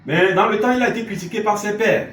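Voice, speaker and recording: A man's voice: high voice, fast talker. A man teaching a music lesson, asking questions and answering them himself, and singing note names. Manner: sings note names in scales. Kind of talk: classroom lesson. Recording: echoey room, mic far off, loud noise.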